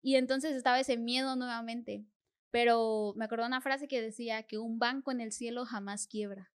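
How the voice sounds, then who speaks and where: A young woman with a fairly high voice tells her faith testimony as a podcast guest. She speaks earnestly and replays her prayers as little conversations with God. The tone stays sincere and storytelling. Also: fairly even intonation, moderate pace, clear, resonant tone.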